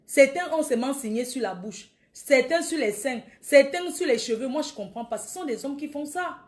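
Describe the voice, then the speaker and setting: A woman's voice: high voice, animated, normal speed. A woman, ranting defiantly and taunting her critics on a Facebook live video. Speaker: social media livestreamer.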